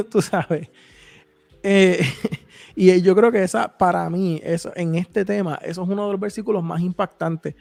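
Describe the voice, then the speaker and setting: Male podcast host, high and gravelly, reads verses and asks rhetorical questions, dry mic. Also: fairly even intonation, a little slow, a little mellow, no echo. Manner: reads scripture aloud, explains with rhetorical questions. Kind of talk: casual Bible discussion.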